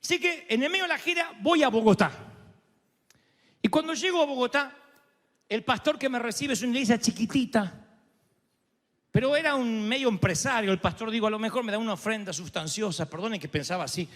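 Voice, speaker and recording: With a very high, fairly quick voice, a middle-aged man from Argentina delivers a storytelling sermon in Argentine-accented Spanish. He's animated and playful, voicing the people in his tale, and the recording carries a long hall echo.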